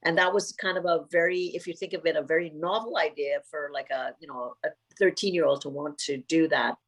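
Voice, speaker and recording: A woman's voice: deep voice, brisk, poor audio. A middle-aged woman from Trinidad and Tobago, a psychotherapist speaking thoughtfully in a podcast interview, with many fillers and restarts.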